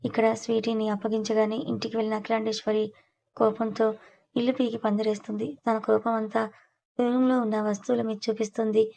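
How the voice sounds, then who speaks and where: A woman's voice: on the high side, level tone, a little fast, creaky, dark tone. A woman reading a serialized audio novel aloud as narrator in a plain narrative way. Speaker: storyteller.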